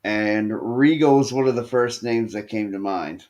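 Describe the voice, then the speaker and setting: A man's voice: fairly low pitch, normal speed. A man co-hosting a casual wrestling podcast, retelling matches with lots of fillers and restarts. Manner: animated storytelling with frequent fillers and restarts. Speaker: podcast co-host.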